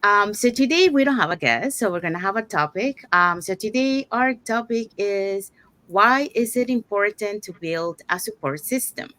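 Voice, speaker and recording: A woman from Panama, hosting an online talk on a video call with many fillers and pauses. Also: medium pitch, lively intonation, pushed and bright, no echo. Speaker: host.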